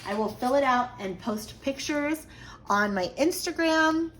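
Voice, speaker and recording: A woman in her thirties chats casually to camera at home while planning, rambling with lots of fillers and a slight frog in her throat. Her voice is high and a bit bright, with lively intonation and an unhurried pace. There's a little hiss or hum in the recording.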